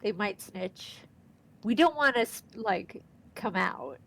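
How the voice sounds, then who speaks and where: This let's play streamer has a creaky, mid-range voice and takes things slowly, talking casually as she plays. Allergies have stuffed up her nose, and she reads the game's text aloud with excitement.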